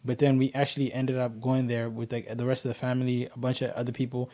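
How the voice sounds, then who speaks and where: A man's voice: medium pitch, level tone, fast talker, mellow. A man in his twenties, from Kenya, telling his personal story as a podcast guest in an earnest, rambling way with lots of fillers.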